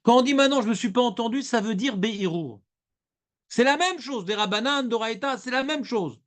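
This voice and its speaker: A man's voice: very high-pitched, lively intonation, moderate pace. A man teaching a Talmud class, talking emphatically and repeating his points as he explains. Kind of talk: lively Talmud class discussion.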